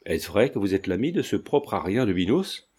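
Chatty, meddling old landlady with a mellow low voice, read by a male narrator in a storybook reading. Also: big pitch swings, normal speed, breathy edge. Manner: talkative, familiar, insistent.

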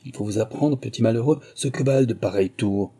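A man voicing a haughty, quick-tempered young gentleman in a storybook reading, with a raised, commanding delivery. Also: medium pitch, natural voice. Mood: indignant.

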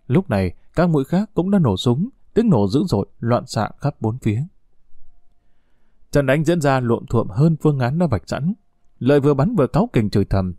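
A man reading a war novel aloud as an audiobook narrator, with expressive, dramatic delivery. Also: mid-range voice, no room sound, clean studio sound.

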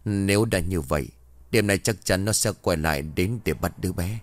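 A man voicing an old male village exorcist who explains things in a solemn, measured way. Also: deep voice, dry recording, close to an everyday voice. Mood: grave.

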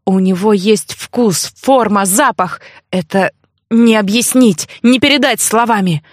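A woman's voice: medium pitch, unhurried, no echo, clean studio sound, close to an everyday voice. Woman voicing an obsessed young man. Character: obsessed feverish young man, greedy and threatening. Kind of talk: audiobook character voice.

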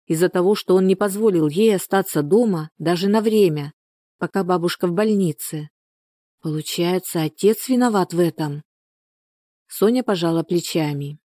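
Woman, audiobook narration, low mellow voice, measured, dry close mic. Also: no room sound. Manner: even, measured storytelling. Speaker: audiobook reader. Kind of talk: scripted novel narration.

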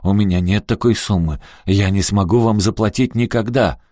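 A man's voice: fairly low pitch, warm tone, no room sound, studio quality, lightly acted. A man reading an audiobook and voicing a bewildered, anxious middle-aged man. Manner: bewildered, plaintive, slow.

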